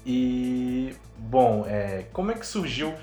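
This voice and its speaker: A man's voice: mid-range voice, lively intonation, slow, warm tone. Casual male host in a roomy recording. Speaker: show host. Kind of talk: casual chatty hosting. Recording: roomy sound with music behind.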